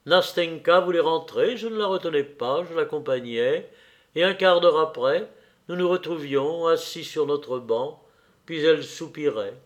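A man narrating a literary novel aloud in an expressive, measured, emotional way. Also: fairly high pitch. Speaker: audiobook narrator.

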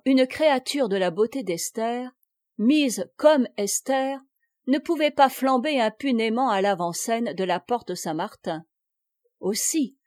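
A woman narrating a classic novel in a measured, theatrical reading style. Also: a little high, darkish tone, no room sound, clean studio sound. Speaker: audiobook narrator.

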